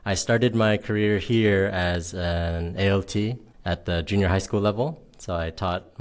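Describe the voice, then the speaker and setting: A man from Miami with a low, deep voice, talking as a guest about his teaching work. He answers in a relaxed, easygoing way, often pausing on um as he gathers his thoughts. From Miami, Florida. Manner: relaxed, hesitant with ums. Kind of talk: casual interview answers.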